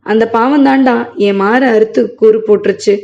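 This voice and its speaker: A woman's voice: fairly high pitch, moderate pace, warm tone, natural voice. A woman reading as a grieving, reproachful wife. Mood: lamenting, reproachful. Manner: reproachful, lamenting. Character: sick, grieving village wife in middle age. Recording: muffled lo-fi recording.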